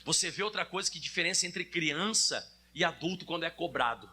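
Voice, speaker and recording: A man's voice: fairly high pitch, expressive, brisk, sharp tone. A man preaching a sermon as pastor, addressing the congregation directly and acting out little examples.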